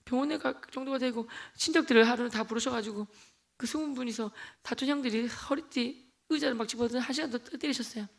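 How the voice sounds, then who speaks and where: A man in his forties giving a lively church testimony in a sanctuary, telling his story with animated storytelling and acting out the voices of the people in it. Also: very high voice, fast, vocal fry. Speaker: lay deacon giving testimony.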